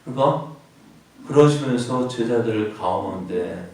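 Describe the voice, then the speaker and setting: A man's voice: mid-range voice, lively intonation, takes it slowly, darkish tone, very echoey, recorded from a distance, rough recording. A man preaching a sermon as pastor, often asking the congregation questions and answering them himself. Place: church sanctuary.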